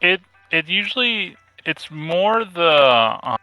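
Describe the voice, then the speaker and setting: A man's voice: fairly high pitch, sing-song, slow, no echo, muffled recording, faint music behind. A man on a voice chat that briefly cuts out, talking hesitantly with many fillers and restarts as the player being coached. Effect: voice chat audio that briefly cuts out.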